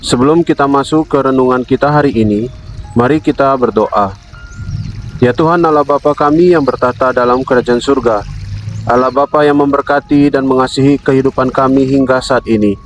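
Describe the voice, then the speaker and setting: A man's voice: medium pitch, faint music behind, low-quality recording. Solemn man leading a devotional. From Indonesia. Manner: solemn, measured, addresses listeners as brother. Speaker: devotional speaker.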